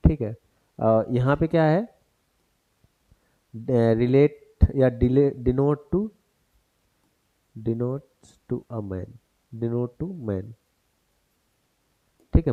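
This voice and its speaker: A man's voice: medium pitch, narrow, tinny audio. A man teaching a grammar lesson for exam prep, who turns each point into a question for the class and mixes English terms into his explanation.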